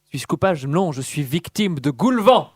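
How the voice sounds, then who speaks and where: A man's voice: on the high side, very animated, normal speed, dry recording, clean studio sound. Man playing a hammy, declaiming tabletop bard. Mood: melodramatic, pleading. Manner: hammy, declamatory stage delivery. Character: earnest male bard declaiming his innocence, melodramatic.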